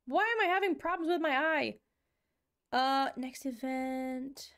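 A woman's voice: sits high, unhurried, a bit bright. A young woman streaming a game, chatting casually with viewers in a bubbly, chatty way and laughing often. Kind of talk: casual live-stream chat.

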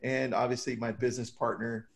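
A man's voice: mid-range voice, level tone, a little fast, vocal fry. A man co-hosting a casual online webinar, upbeat and joking with his guests. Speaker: webinar co-host.

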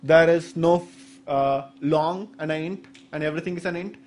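Standing at a podium mic in a medium indoor conference room, this thirty-something man with an Indian accent, whose native language is Saurashtra, delivers a technical talk. He explains hesitantly with many fillers, in a fairly high voice, a steady tone and a moderate pace.

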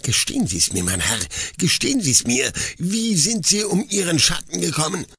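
A man's voice: sing-song, measured pace, a bit bright, no room sound, full character voice. A man voicing a stern, angry middle-aged head forester who confronts his daughter's suitor. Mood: furious. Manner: furious, accusing, voice rising high.

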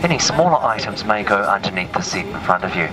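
A man of the cabin crew reading a plane cabin announcement over the loudspeaker in a formal, measured way. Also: fairly low pitch, expressive, a loud crowd, poor audio.

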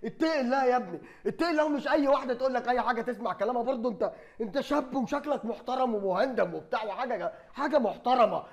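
Egyptian guy roasting videos, really high voice, talks fast, laughs a lot. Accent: Egyptian Arabic. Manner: loud, sarcastic, laughing while talking. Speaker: comedy commentator reacting to clips. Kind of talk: mocking comedic commentary.

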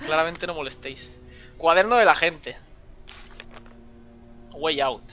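A man's voice: a little high, takes it slowly, fairly bright tone, faint music behind. A young man from Spain giving sarcastic running commentary on a horror game, breaking into sudden screams. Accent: Spain Spanish. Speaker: gaming streamer.

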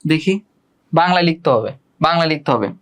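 Brief: young Bangladeshi man, high pitch, teacher running an online class, repeats himself, quizzes students, stretches out example sentences. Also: lively intonation, clean tone. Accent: Bangladeshi Bengali. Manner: repetitive, questioning students, drawn-out example sentences. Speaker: English teacher.

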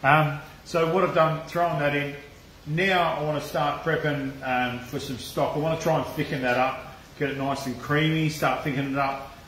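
Chatting loosely to viewers from a home kitchen, an Australian cooking channel host streams live, swearing freely and laughing often. His voice is fairly high, fairly bright and steady at a moderate pace, in an echoey room with slight background noise.

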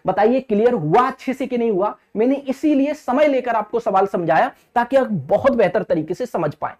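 This very high, slightly mellow male voice has lively intonation and a moderate pace. The speaker, a man in his thirties, teaches exam maths one step at a time from a digital board in an indoor studio, repeating himself, calling listeners friends, and making sure they follow.

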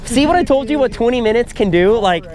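A man's voice: very high voice, animated, quick pace, darkish tone. A young man chatting casually to the camera while fishing from a boat on a lake, upbeat and full of fillers. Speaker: fishing vlogger. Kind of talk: casual vlog chat. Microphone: camera held at arm's length. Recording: outdoor boat noise behind.

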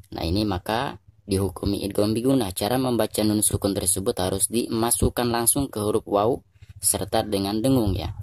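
An Indonesian man teaching Quran recitation rules, explaining patiently and repeating each point, then slowing down to chant drawn-out examples. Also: fairly low pitch, a little mellow, no room sound, clean studio sound. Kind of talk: tajwid lesson with recited examples.

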